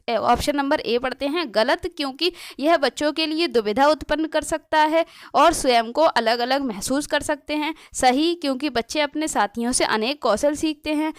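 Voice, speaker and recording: High-voiced woman explaining exam questions. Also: clear, resonant tone, no room sound, clean studio sound. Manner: reads each option aloud, then restates it in simple words; self-correcting, restarting words. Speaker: exam prep teacher. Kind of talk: explanatory lesson.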